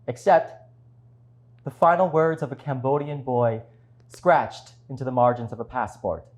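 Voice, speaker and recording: A man playing both parts in a one-man show, here as a refugee father gravely recounting his survival in a measured stage monologue. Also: medium pitch, natural voice. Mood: somber, reflective.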